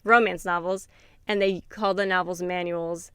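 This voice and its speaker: A woman's voice: on the low side, steady tone, normal speed, bright, forceful tone, clear, resonant tone, no echo, clean studio sound. A woman co-hosting a book review podcast, retelling a story in a chatty way with lots of fillers. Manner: chatty, many fillers, laughs while retelling. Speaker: podcast co-host. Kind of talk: casual book review chat.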